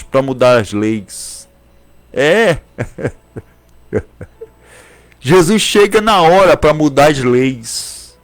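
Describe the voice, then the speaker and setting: Brazilian preacher repeating each phrase. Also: male voice, mid-range voice. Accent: Brazilian Portuguese. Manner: preaching with emphatic repetition; speaks in tongues. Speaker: pastor. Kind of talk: sermon.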